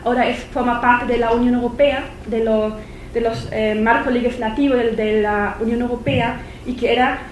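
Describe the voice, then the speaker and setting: A visiting lecturer with a German accent gives an academic conference talk at a university, speaking as a non-native with hesitation, many fillers, and restarts. Her voice is fairly high and steady, at a moderate pace, in an echoey lecture hall with faint noise.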